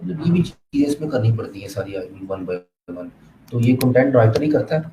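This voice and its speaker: A man talks through his work for his teacher, slipping English readouts into his speech. His voice is mid-pitched and plain. The room is echoey, with clear background noise behind him. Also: big pitch swings, fairly quick. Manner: mixes English readouts into his talk, addresses the teacher as sir. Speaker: student. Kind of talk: showing work in class.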